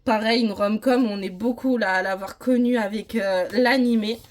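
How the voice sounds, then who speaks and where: A woman's voice: on the high side, steady tone, moderate pace. Chatty woman touring her manga shelves. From France. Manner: chatty, rambling, frequent hesitations. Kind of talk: casual vlog tour.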